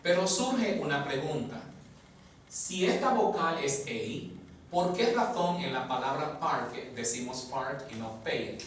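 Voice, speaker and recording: Echoey male teacher slowly explaining pronunciation. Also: on the high side, sing-song. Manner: repeats key words slowly and deliberately, with rhetorical questions. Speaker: English phonology teacher. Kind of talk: explanatory lesson. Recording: echoey room, mic far off, faint hiss.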